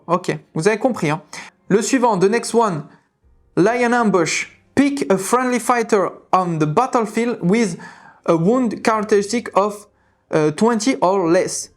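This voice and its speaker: A woman with a French accent hosting a tabletop game channel, chatting through new rules with lots of fillers and halting English readings. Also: mid-range voice. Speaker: tabletop game video host. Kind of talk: casual rules explanation to viewers.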